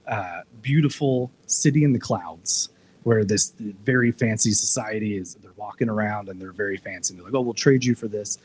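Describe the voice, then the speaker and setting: A man's voice: medium pitch, rough recording. Guy rambling through an old tv episode at a live talk night, lots of um and uh, restarts, faint room hum behind. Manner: rambling, with frequent restarts and filler words. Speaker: discussion panelist. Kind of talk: casual live discussion, retelling a TV episode. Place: live public discussion event, indoors.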